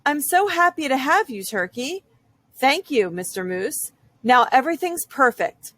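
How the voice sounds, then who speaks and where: A woman's voice: high voice, very animated, unhurried, a bit bright, dry recording, pitched above the performer's own voice, full character voice. A woman voicing a gracious, welcoming female moose hostess in a storybook, polite and attentive. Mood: delighted, welcoming.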